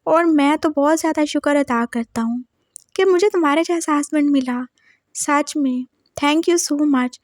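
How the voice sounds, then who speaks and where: A sensitive older husband in a storybook, as a woman narrator puts him on speaks in a high voice. His manner is earnest and quick to scold. The recording is dry and close. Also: no room sound.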